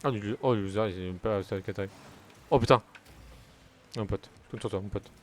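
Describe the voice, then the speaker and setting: A man's voice: on the low side, quick pace, a little hiss or hum. A young man chatting casually while streaming a car football game, rambling from topic to topic and swearing when plays go wrong. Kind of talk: casual gaming commentary.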